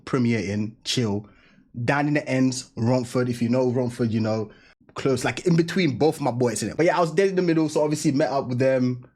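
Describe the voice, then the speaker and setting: A man, from Denmark, telling a trip story to camera in a slangy, animated way. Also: mid-range voice. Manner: slangy, animated, laughing often. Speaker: vlogger.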